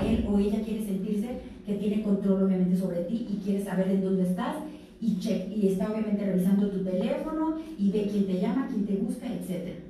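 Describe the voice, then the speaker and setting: A woman's voice: mid-range voice, dark tone. A woman with a Mexican accent giving an informal talk to teenagers, acting out the voices of the people she quotes. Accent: Mexican Spanish. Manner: conversational, acts out quoted abusers and victims. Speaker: speaker at a health fair talk for teens. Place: event room. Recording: very echoey room, distant mic, faint noise.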